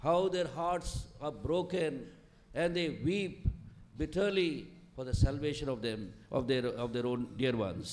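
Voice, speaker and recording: A man's voice: on the high side, drawn-out words, a little mellow. A man preaching a sermon in short lines, stopping after each one for his interpreter, his voice rising and falling as he pleads. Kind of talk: sermon in English with live interpretation.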